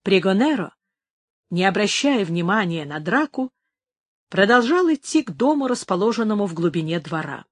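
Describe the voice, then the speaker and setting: A woman narrates an audiobook with an even, measured storytelling style. Her voice is mid-range, and the recording is dry.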